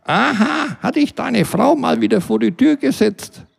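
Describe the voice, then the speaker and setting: A man's voice: very high voice, animated, measured pace, vocal fry, breathy edge, voice pushed up, exaggerated voice. A man voicing a snippy, gossipy female neighbor with a cheeky, teasing manner. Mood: spöttisch.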